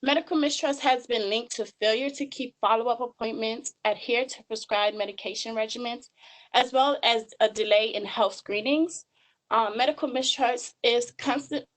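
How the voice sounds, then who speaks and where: A woman's voice: a little high, a bit bright, poor audio. A woman in her twenties giving a webinar presentation over slides, earnest and full of filler ums. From Georgia, US. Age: 20s.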